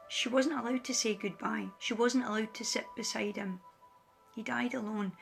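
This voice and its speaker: A woman's voice: fairly high pitch, a bit bright. A woman speaking as a spiritual light worker, earnestly pleading with viewers in a heartfelt direct address, emotional and close to tears. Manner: earnest, pleading, repeats phrases for emphasis.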